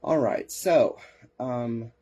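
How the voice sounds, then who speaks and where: A man's voice: mid-range voice, extremely slow, mellow. A man hosting a podcast, reading case reports aloud and breaking off for sarcastic asides and replies to listeners. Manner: sarcastic asides, answers chat comments. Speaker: podcast host.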